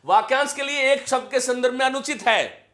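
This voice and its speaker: A man's voice: extremely high pitch, fairly quick, a bit bright. A man teaching Hindi grammar in an online class, repeating key phrases several times and quizzing his students. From India. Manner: chants verse for students to repeat.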